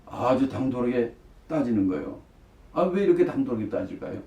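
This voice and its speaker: A man's voice: medium pitch, very animated, a little fast, warm tone. A man teaching a Bible study as a missionary. He reads scripture aloud and then explains it conversationally, asking rhetorical questions. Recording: echoey room, distant mic, dull lo-fi sound.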